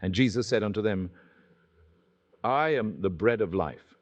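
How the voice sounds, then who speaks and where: A scripture reader with a lowish, animated voice reads a little slowly, solemn and declamatory in the dramatic style of old-time radio. The recording is muffled.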